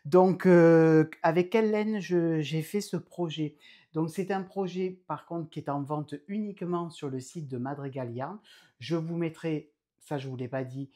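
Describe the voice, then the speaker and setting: A man's voice: fairly high pitch, unhurried, mellow. A man hosting his own knitting podcast indoors at home, chatting casually and rambling with frequent hesitations. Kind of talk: casual chat.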